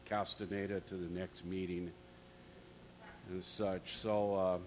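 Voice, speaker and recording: A man addressing a board during public comment as a trades council representative, halting and informal. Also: low voice, level tone, a little mellow. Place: public board meeting room. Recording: noisy meeting room with hum.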